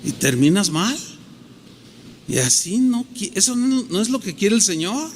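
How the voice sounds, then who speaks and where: A man's voice: high voice, big pitch swings, unhurried, big-room sound, a little hiss or hum. A middle-aged man preaching a sermon, acting out quoted dialogue as he tells a story. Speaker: pastor.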